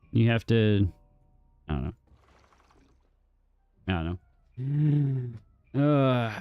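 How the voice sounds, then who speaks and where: Rambling through his live game stream, a man answers chat with lots of ums, fillers and restarts as he casually talks with viewers. His voice is mid-range with vocal fry and a darkish tone, recorded without echo.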